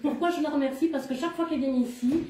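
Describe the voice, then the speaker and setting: Fairly high-voiced woman hosting, echoey room. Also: quick pace, a crowd in the background. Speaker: event host. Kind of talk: informal announcements to an audience. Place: indoor hall at a live-streamed event. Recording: echoey room, distant mic, audience noise.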